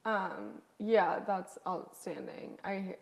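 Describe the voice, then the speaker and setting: A woman's voice: lowish voice, lively intonation, slow pace, gravelly. A woman hosting a live interview, reading out viewer questions in an encouraging way. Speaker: interviewer host.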